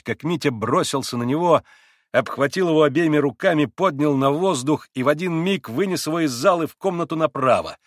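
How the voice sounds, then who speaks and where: A man narrating an audiobook in a dramatic, expressive reading. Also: on the high side, dry recording, clean studio sound.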